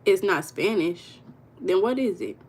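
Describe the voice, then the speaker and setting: A woman's voice: mid-range voice, animated, unhurried, darkish tone, breathy edge. American woman, livestream host, casual and chatty, talks straight to her viewers. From United States. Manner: chatty, addresses viewers as y'all, reads comments aloud.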